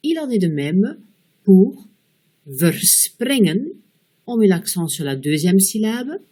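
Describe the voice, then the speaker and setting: A woman teaching a pronunciation lesson, explaining rules step by step and slowing down to model each example word. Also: medium pitch, big pitch swings, dark tone. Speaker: language teacher. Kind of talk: slow, careful pronunciation lesson.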